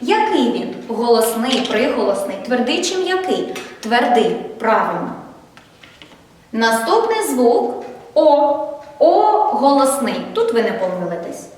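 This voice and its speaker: A woman primary school teacher giving a first-grade literacy lesson, speaking slowly and clearly, asking questions and praising answers. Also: fairly high pitch, sing-song, darkish tone, heavy reverb, big-room sound, far from the mic, slight background noise. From Ukraine.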